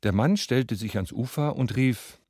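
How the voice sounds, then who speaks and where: A man reading a fairy tale aloud in a slow, expressive storytelling manner. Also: medium pitch, dry recording, clean studio sound.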